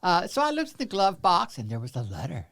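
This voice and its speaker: With a high-pitched voice that swoops wildly up and down and a fairly bright tone, a man in his seventies from Central Texas recounts his life as a guest in an interview. He speaks haltingly, full of fillers, and his humor is wry.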